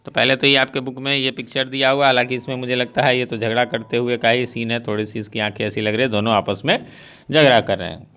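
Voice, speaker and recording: A man's voice: mid-range voice, little pitch movement, quick pace, bright, forceful tone, clear, resonant tone. A man from India, an English teacher, explaining a play line by line in a lesson with an Indian English accent, switching between Hindi and English.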